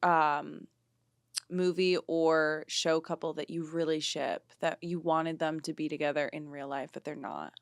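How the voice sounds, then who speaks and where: Young woman co-host, lowish voice, casual storyteller, dry close sound. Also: steady tone, unhurried, no room sound. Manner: chatty, storytelling, laughs often. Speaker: podcast co-host. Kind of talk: casual chat.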